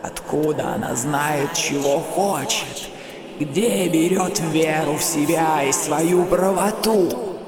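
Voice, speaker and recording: A narrator voicing a monstrous living mass of human flesh in a demonic, inhuman layered voice, chewing slowly on each word, over a horror audiobook. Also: mid-range voice. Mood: accusing. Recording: loud music underneath. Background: loud music.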